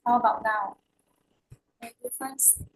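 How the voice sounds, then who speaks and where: A woman's voice: a little high, steady tone. Woman on glitchy, cutting-out call audio. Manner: halting, repeatedly checking if she can be heard. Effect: glitchy audio that cuts out, muffled and scratchy. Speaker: conference presenter. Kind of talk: answering questions on a video call. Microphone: video call microphone, too far away.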